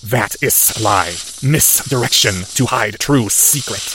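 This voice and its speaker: A man voicing a dying professor who has turned into a snake, speaking slowly in clipped, broken sentences. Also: fairly low pitch. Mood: cold, scornful. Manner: slow, hissing, broken clipped grammar.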